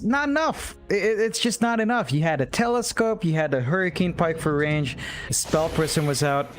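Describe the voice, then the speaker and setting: A man casting an esports match, giving quick analytical draft commentary with stammered restarts. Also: fairly high pitch. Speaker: esports caster.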